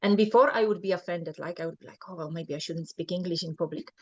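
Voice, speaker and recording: Speaking quickly in a lowish, slightly rough voice, an earnest Polish-accented woman coaches during an interview. She frequently checks in with "right?", and the recording sounds muffled and lo-fi.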